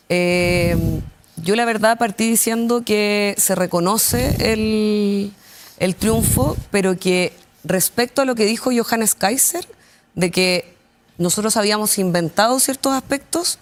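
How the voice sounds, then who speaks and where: A woman with a Chilean accent argues in a political debate. Her pitch is average, and she sets out her points in an insistent, explanatory way. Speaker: opposition politician on a debate panel.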